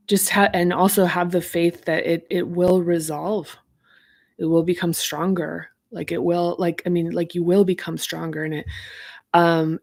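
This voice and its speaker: A woman's voice: on the low side, creaky, a little mellow. A woman, a self-help author, talking loosely through ideas from her own book, with lots of fillers as she searches for words. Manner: rambling and searching, heavy on fillers.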